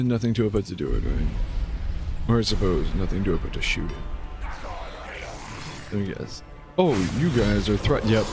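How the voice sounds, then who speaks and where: A man giving casual live video game commentary, rambling and geeky as he plays. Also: on the low side. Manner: rambling, easily sidetracked geeky enthusiasm.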